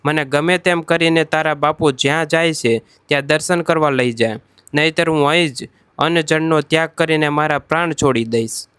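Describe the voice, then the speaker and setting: A man's voice: fairly high pitch, normal speed, a bit bright, clear, resonant tone, dry recording, natural voice. A man voicing a young male Brahmin devotee who begs his wife through tears, in a storybook narration. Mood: pleading. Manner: tearful, begging.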